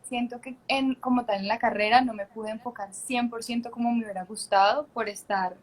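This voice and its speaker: A young Colombian woman with a Colombian accent, a guest actress, chats candidly on a video call in a casual interview. Her voice is a little high with fairly even intonation and a brisk pace. She laughs often and restarts her sentences many times.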